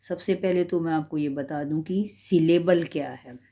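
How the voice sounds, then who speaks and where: A woman language teacher explaining a grammar lesson slowly and carefully, switching between English and Hindi. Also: low-pitched, fairly even intonation, dark tone.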